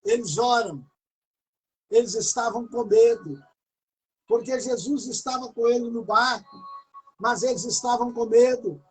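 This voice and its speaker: A man preaching at a prayer service, exhorting fervently with repetition, loud bursts and moments of speaking in tongues. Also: extremely high pitch, a little slow, pauses often, slightly rough, soft background music, poor audio.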